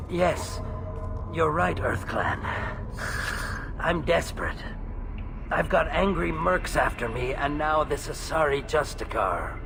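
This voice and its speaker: A man's voice: a little high, expressive, slow pace, vocal fry, long pauses, over music, heavily acted. A man voicing a shifty, nervous alien merchant in a video game, with a slippery, theatrical and ingratiating manner. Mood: desperate.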